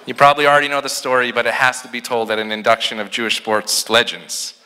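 A middle-aged man, a rabbi, giving a prepared ceremony speech at a podium, telling stories with slowed, emphatic pauses. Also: medium pitch, pushed and bright, clean tone. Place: large hall with balloon decor. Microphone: podium microphone. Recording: long hall reverb.

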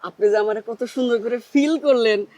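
A man's voice: very high voice, fairly quick, a little mellow. A flustered, dodging man. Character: evasive man stalling about a flat he lacks. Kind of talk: TV comedy drama acting.

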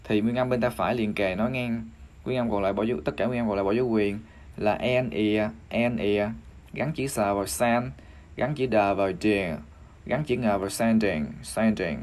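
A man with a Vietnamese accent teaching English pronunciation on a livestream, spelling out sounds one by one and repeating each word slowly. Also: lowish voice, a little mellow. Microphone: phone or desk mic on a livestream.

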